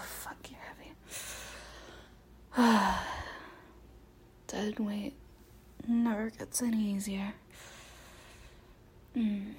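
A woman playing a sadistic, unhinged female killer in an adult audio roleplay, talking in a breathy whisper broken by laughs. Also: medium pitch, darkish tone, a little hiss or hum, close to an everyday voice. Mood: cold whisper.

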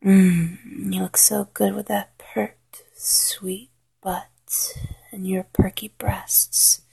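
A woman whispering a slow, coaxing guided hypnosis roleplay in a soft, intimate voice. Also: mid-range voice, level tone, gravelly, slightly rough, low-quality recording. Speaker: hypnosis narrator.

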